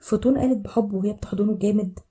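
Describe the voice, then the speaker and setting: A woman with an Egyptian accent narrates a scripted story at a racing clip. Her tone is dark and mellow, and her delivery stays even throughout. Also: mid-range voice, rapid-fire. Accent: Egyptian Arabic.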